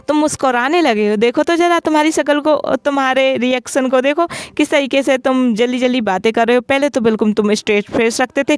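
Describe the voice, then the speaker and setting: A woman with a smooth, clear voice pitched a little high retells a drama in a relaxed, chatty way. She walks through each scene step by step and speaks every character's lines in her own plain voice. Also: no room sound. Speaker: drama recap narrator. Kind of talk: casual storytelling recap.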